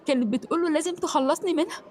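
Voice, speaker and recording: A woman's voice: sits high, very fast, a little mellow, soft background music, close to an everyday voice. An actress with an Egyptian accent playing a nervous, apologetic young female university student in a radio drama, stammering when she is flustered. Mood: worried. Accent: Egyptian Arabic.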